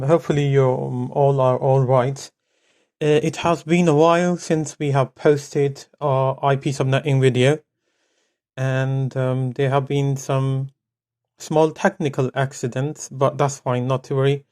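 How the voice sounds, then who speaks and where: A man teaching networking in a casual video lesson, relaxed and rambling, with many fillers and pauses. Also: mid-range voice. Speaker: networking instructor. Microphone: webcam mic, no headphones.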